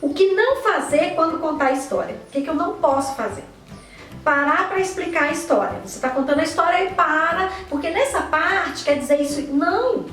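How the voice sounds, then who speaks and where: Brazilian woman teacher lecturing parents, high voice, asks herself questions, echoey far-off mic. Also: a little fast, fairly bright tone, soft background music. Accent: Brazilian Portuguese. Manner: didactic, asks and answers her own questions, frequent "né?" and "tá?". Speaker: teacher and educator. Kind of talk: online lesson for parents and teachers.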